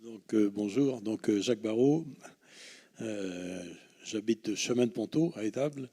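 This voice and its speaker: A man's voice: lowish voice, a little slow, mellow. A man, a local resident, making a careful, detailed remark at a public meeting, spelling out names. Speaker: resident asking a question.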